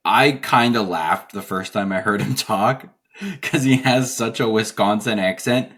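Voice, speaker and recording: A man with a fairly low voice co-hosts a podcast in a relaxed, chatty way. He works through his notes and laughs often as he talks. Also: a little slow. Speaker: podcast co-host. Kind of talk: casual podcast chat.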